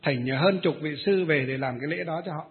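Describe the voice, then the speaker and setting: A male Buddhist monk tells a story in a dharma talk, halting often on small fillers. His voice sits high. The sound is narrow and tinny, like a phone call. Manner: storytelling with many hesitant fillers.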